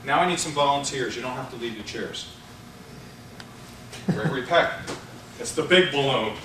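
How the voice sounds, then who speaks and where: A man running a live sales training seminar in a large room, animated and playful, shouting instructions to volunteers. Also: mid-range voice, normal speed. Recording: echoey room recording from far off, noisy.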